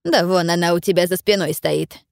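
A stern blind village witch, as a woman narrator puts her on, speaks low and deep with cold, unhurried authority. Her mocking calm fills a dry, close audiobook recording. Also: vocal fry, no echo.

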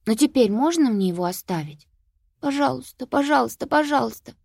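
A woman reading an audiobook, voicing a young girl who begs and pleads in a high, insistent voice. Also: animated, brisk, vocal fry, darkish tone, no echo, studio quality, full character voice. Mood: pleading.

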